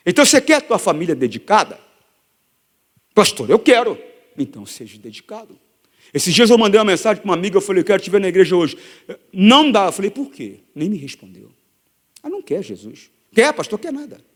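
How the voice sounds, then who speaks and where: A man preaching as a pastor, moving between hushed storytelling and loud, emphatic repetition. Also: a little high, breathy edge, long reverb tail. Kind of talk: sermon. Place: church hall.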